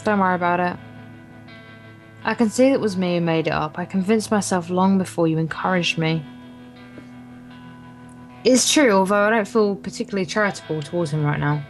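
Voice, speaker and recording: A woman with a lowish voice reads visual novel narration fairly quickly but with frequent pauses, as a guest in a casual let's play, and stumbles over words at times. The audio quality is poor, and the game's guitar music plays in the background.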